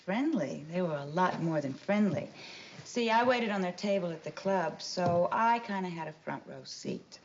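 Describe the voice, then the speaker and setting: Gossipy waitress witness, lowish voice, muffled old tv audio. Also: female voice, animated, normal speed, slight background noise. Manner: breezy, gossipy testimony. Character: chatty young female club waitress on the stand. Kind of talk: 1970s TV courtroom drama. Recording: dull lo-fi TV soundtrack.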